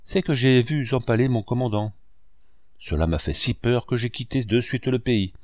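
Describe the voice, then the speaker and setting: A man's voice: medium pitch, normal speed, a little mellow, no echo, clean studio sound, lightly acted. A man reading aloud, voicing a visiting former soldier who answers in plain, matter-of-fact replies. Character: former soldier turned informer, shifty man.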